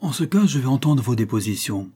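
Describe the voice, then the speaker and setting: Man voicing a village mayor, middle-aged, brisk, commanding, husky, mellow. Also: mid-range voice, sing-song, pitched above the performer's own voice.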